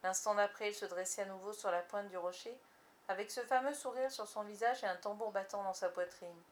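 A woman reading a children's story aloud, expressive and measured. Her voice sits at a middle pitch, with a faint hiss in the background. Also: reverberant. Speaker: narrator.

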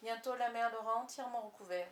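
A woman's voice: a little high, fast, echoey room, slight background noise, natural voice. A woman voicing a brave young boy hero in a storybook reading, speaking urgently and earnestly. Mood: grave.

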